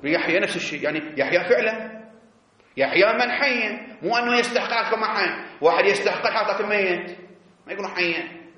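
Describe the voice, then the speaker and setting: A man giving a seminary lecture, explaining animatedly and drawing out key words slowly. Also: sits high, sharp tone. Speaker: teacher of religious jurisprudence. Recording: echoey, dull lo-fi classroom recording.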